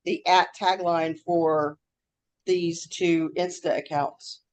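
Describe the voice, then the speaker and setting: Woman, lowish voice, R's sounding like W's, casual podcast chat, scattered and easily sidetracked. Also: steady tone, slow. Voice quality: trouble saying R's, w-like R sounds. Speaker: podcast co-host. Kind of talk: casual chat, reading news items.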